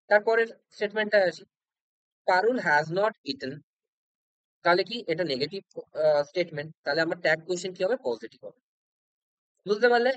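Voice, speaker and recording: A man with a fairly high voice explains grammar rules for an exam, going step by step and repeating each point. He checks in constantly and keeps the pace unhurried. The sound is close and dry, with no room echo. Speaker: English grammar teacher. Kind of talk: exam-prep grammar lesson.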